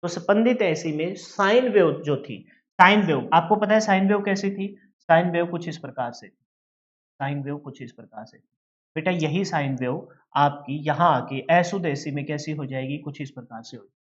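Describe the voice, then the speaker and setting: A man's voice: fairly high pitch, normal speed, highs cut off. A male teacher giving a lecture, who asks questions and answers them himself and calls his students "beta". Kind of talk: classroom lecture.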